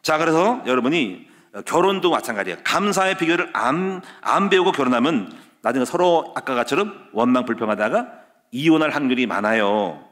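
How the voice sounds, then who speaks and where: A man preaching a sermon as pastor, telling stories and acting out the quoted lines. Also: fairly high pitch. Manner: lively storytelling with acted-out quotes.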